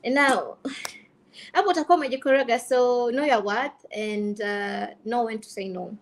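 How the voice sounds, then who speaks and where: A woman's voice: a little high, moderate pace. A Kenyan woman speaking candidly on a panel, emphatic and repeating phrases for stress, slipping between English and Swahili. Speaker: content creator on a panel.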